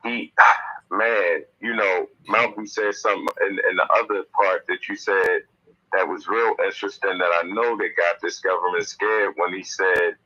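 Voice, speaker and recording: A man's voice: low voice, steady tone, normal speed, pushed and bright. A man talking earnestly over a speakerphone call from his car, with frequent fillers and restarts. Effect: speakerphone call from a moving car. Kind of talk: casual discussion. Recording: dull, lo-fi car phone line.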